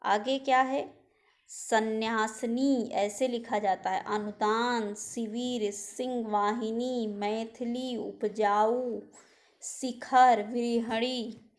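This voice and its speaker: A woman teacher going slowly through word lists in an exam-prep lesson, pointing out common spelling mistakes. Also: a little high, steady tone. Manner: slow, reads out word lists and corrects common misspellings.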